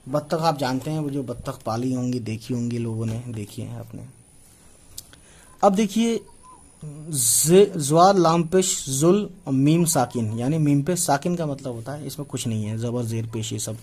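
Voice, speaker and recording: A man's voice: mid-range voice, expressive, normal speed, dark tone. A man in his twenties teaching a writing lesson, patiently repeating and spelling out letters one by one. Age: 20s. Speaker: Urdu teacher.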